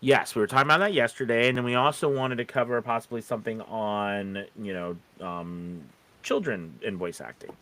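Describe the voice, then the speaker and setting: A man with a somewhat low voice hosts a live stream. He chats casually and loosely, circling through his points and often checking that the listener follows. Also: fairly even intonation, fairly quick, a bit bright. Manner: rambling, repeatedly checking in with "you know" and "right". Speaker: live show host.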